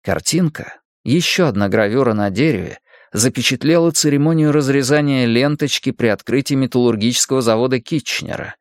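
A man reading a novel aloud as an audiobook narrator, in a measured, steady way. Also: medium pitch, clear, resonant tone, no room sound, clean studio sound. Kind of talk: scripted narration.

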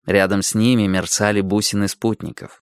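A man narrating an audiobook story calmly and expressively. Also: on the low side, moderate pace, smooth, no echo, studio quality. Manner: calm, expressive.

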